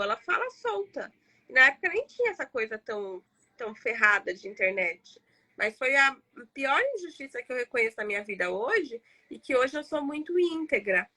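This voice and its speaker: A woman's voice: a little high, pushed and bright. A woman in her thirties with a Brazilian Portuguese accent, hosting a live talk circle and telling a personal story in a chatty, emotional way, often speaking straight to her audience. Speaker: therapist and host of a live discussion circle.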